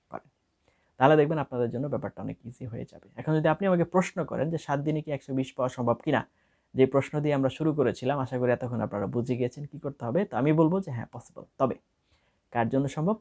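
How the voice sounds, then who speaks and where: A young adult man with a Bangladeshi accent gives a spoken lesson on an English speaking test, slipping English phrases in among his explanations. He talks at a brisk clip with a gravelly edge to his voice. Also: on the high side, a little mellow.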